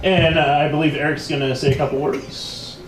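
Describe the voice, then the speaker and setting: A man's voice: on the high side, level tone, moderate pace, crowd noise. A man emceeing an event, introducing speakers casually and stumbling over names. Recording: echoey hall with loud background noise.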